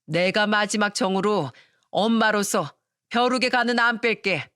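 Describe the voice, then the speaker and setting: Shameless shouting mother-in-law as a narrator puts her on, defiant, scornful, storytelling radio, dry close sound. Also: mid-range voice, a little slow, clean tone, dry recording. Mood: brazen, scornful. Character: brazen shameless middle-aged mother-in-law.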